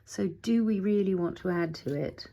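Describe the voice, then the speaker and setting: A woman's voice: mid-range voice, normal speed, warm tone, dull audio. A middle-aged woman hosting a casual craft tutorial, chatting as she works, thinking aloud and talking to her materials, sometimes dropping to a whisper.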